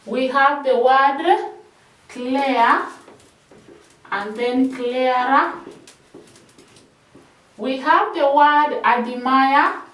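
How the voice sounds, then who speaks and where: A woman with a high voice teaches slowly and patiently, repeating each drill word several times. She sounds set back from the mic, and her voice carries in an echoey room. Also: a bit bright, far from the mic. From Kenya. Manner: slow, repeating words in drills. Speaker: shorthand teacher. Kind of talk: classroom lesson.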